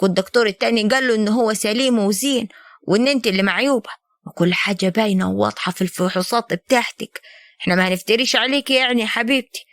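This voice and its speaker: A woman with an Upper Egyptian accent voicing a scheming, sharp-tongued older mother-in-law who scolds and orders people about. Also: on the high side, dry recording, clean studio sound, lightly acted. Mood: scolding. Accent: Upper Egyptian Arabic. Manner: scolding, sweet-talking then sharp.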